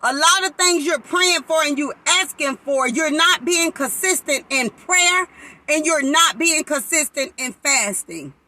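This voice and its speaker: A woman's voice: high voice, animated, unhurried, pushed and bright, slight background noise. A woman, preaching in a sermon-style live talk and fervently acting out voices.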